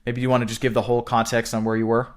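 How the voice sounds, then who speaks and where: A man hosting a casual interview, chatty and loose in his phrasing, with quick affirmations. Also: mid-range voice, monotone. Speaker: interviewer host.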